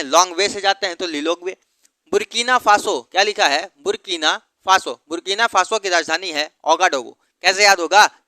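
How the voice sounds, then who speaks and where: Give me a male teacher with a bright, crisp voice who quizzes and answers himself. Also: high-pitched, no echo. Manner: repeats questions and answers them himself. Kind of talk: mnemonic geography lesson.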